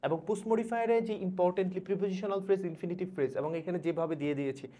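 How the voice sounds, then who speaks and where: A young man from Bangladesh, an English teacher giving rapid exam advice to students, repeating instructions urgently. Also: sits high, dark tone. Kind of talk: exam suggestion lesson.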